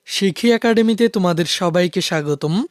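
Man explaining a lesson in a high voice. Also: moderate pace, no room sound, clean studio sound. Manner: calm, steady explaining to students. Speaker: teacher. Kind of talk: explaining a school textbook lesson.

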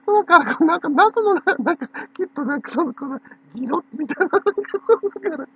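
Giggling again and again, a fast-talking woman with a Kansai Japanese accent delivers a gossipy, teasing, rambling monologue. Her high, animated voice has no room sound, though the recording itself is dull and lo-fi.

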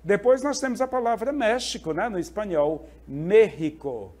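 Lively male teacher checking in often. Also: extremely high pitch, brisk. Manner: explanatory, checks in with "ok?" and "né?". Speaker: Spanish teacher. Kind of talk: classroom lesson.

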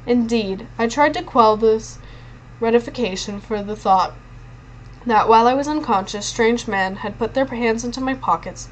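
Woman, reading a novel aloud, first-person narration, fairly high voice, occasional slips and restarts. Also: normal speed, rough recording. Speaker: reader.

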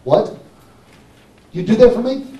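A man quoting an excited, disbelieving male customer on the phone, in a slightly raised voice during a talk. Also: sits high, a little fast, a little hiss or hum. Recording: echoey hall, mic far off.

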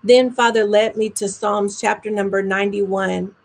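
A woman ministering a prophetic word, fervent and earnest, slowing down for solemn phrases and speeding up for asides. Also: mid-range voice, fairly even intonation, vocal fry. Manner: earnest, fervent, with spontaneous hallelujahs; swings between slow deliberate phrases and quick asides.

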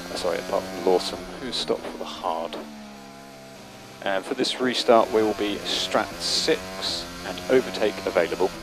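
A male race engineer giving terse, matter-of-fact updates over race car radio. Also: deep voice. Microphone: radio headset. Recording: noisy team radio, car noise.

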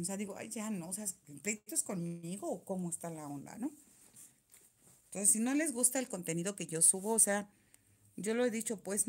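A young Mexican woman talking casually on a live stream, chatty and venting as she reads her viewers' comments. Her voice sits at an ordinary middle pitch and she rambles between thoughts in an easy, unscripted flow. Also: darkish tone. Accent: Mexican Spanish. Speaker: nail vlogger reading live chat.

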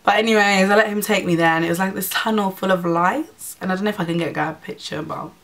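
A young woman, chatting casually as she tells a storytime vlog, full of fillers and quick asides. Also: mid-range voice. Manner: chatty, animated retelling with filler "like" and "blah blah". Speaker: vlogger.

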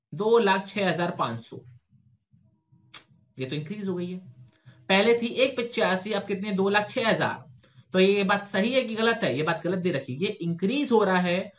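A young Indian man teaching an exam-prep lesson, explaining briskly, asking himself questions and answering them, and reading the English question text slowly. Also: high-pitched, a bit bright.

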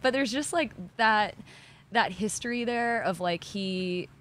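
A woman's voice: medium pitch, a little slow, a bit bright. A young woman, an athlete guest, talking chattily with lots of "like" into a handheld mic on an outdoor patio. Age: young adult. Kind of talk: casual interview.

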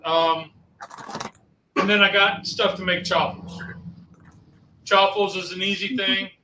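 A man's voice: sits high, steady tone, takes it slowly, echoey room, noisy background. A man on a landline phone, co-hosting a live cooking stream in easygoing, rambling chat. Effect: over a landline phone.

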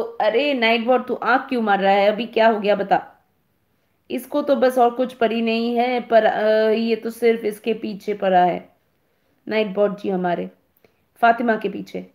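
A woman's voice: fairly high pitch, steady tone, measured pace, a little mellow, roomy sound. A woman from India hosting a casual live stream, reading viewer comments aloud and teasing them affectionately like a big sister.

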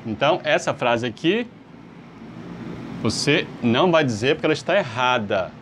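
Male Brazilian English teacher, animated pitch, quizzing tone, online lesson delivery. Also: normal speed, noisy background. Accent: Brazilian Portuguese. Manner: lively, asks rhetorical questions, frequent "tá?" check-ins.

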